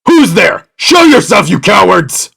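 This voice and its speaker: A man's voice: high-pitched, sing-song, a little slow, creaky, sharp tone, a little hiss or hum, full character voice. A man voicing a proud, hot-headed cartoon echidna brawler with blustering, scornful tough-guy talk in an audio drama. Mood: furious, defiant. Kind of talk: animated audio drama acting.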